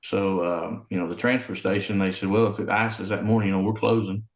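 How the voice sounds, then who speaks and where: A man calls in over a conference line that keeps breaking up. His voice sits a little low, and the room around him rings with a roomy echo. He talks haltingly, leaning on fillers and restarting his sentences. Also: fairly even intonation. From Arkansas. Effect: remote conference call audio that breaks up. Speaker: city public works official. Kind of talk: interview over a video call. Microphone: video call.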